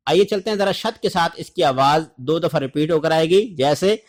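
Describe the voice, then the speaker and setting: A man from Pakistan leads a Quran reading lesson, sounding out each letter and syllable slowly and deliberately. His voice sits a little high for a man. He breaks into short chanted recitations as examples.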